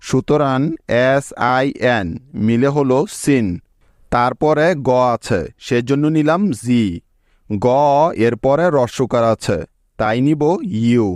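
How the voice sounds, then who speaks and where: A man teaching English spelling step by step, explaining each letter and syllable in a slow, patient voice-over. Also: mid-range voice, dry recording, clean studio sound. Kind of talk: spelling lesson narration.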